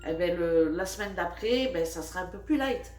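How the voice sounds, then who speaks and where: An older woman, chatting casually about her budget, with many fillers and pauses. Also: lowish voice, lively intonation, a little mellow. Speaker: vlogger. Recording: roomy, from a distance, faint music.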